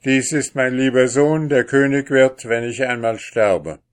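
A man reading a fairy tale aloud, voicing a stern old king who speaks brusquely and loudly. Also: medium pitch, measured pace, pitched above the performer's own voice, close to an everyday voice. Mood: resigned. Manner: raised, brusque declaiming.

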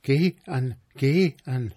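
A man's voice: medium pitch, extremely slow, warm tone, breathy edge, no room sound, clean studio sound, pitched above the performer's own voice. A man voicing a small ghostly spirit woman in whispered role-play, coaxing with insistent repetition. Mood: eerie coaxing.

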